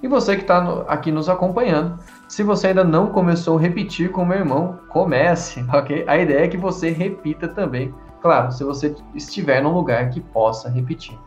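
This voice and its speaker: A man whose first language is Portuguese leads an English lesson, slightly high in pitch and full of encouragement as he drills phrases. The sound is a bit dull and roomy, with faint music underneath. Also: a little fast, few pauses. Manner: encouraging, repeats drills, praises often. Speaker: English teacher.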